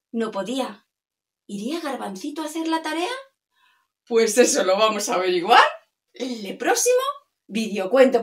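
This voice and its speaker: A middle-aged woman telling a children's story, singing and coaxing listeners to join in. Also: high voice. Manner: animated, sings and coaxes listeners to join in. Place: home.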